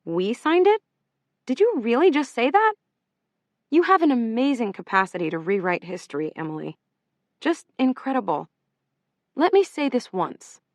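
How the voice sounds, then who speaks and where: A woman's voice: fairly high pitch, big pitch swings, normal speed, long pauses, no room sound, studio quality, pitched above the performer's own voice. A woman narrator voicing a wronged female editor who speaks firmly and in clipped, barely controlled lines. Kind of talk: audiobook character reading.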